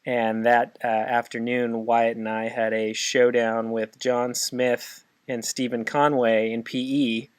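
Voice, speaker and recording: A man tells a relaxed, easygoing school story in a smooth, resonant voice. The sound is dry and close, with no room around it. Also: medium pitch, takes it slowly, hardly any pauses, dry recording. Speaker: former student. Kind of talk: casual storytelling tribute.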